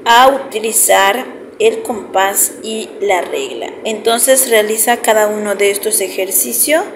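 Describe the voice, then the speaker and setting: A woman with a Mexican Spanish accent, a primary school teacher, summarizing the day's class slowly and directly for her pupils. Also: mid-range voice. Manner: slow, explanatory, addresses pupils directly. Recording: roomy echo with clear background noise.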